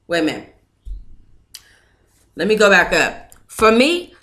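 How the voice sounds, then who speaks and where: A woman with a mid-range, fairly bright voice hosts a book club, reading a memoir aloud in the first person. Every so often she pauses to thank her listeners and add her own comments.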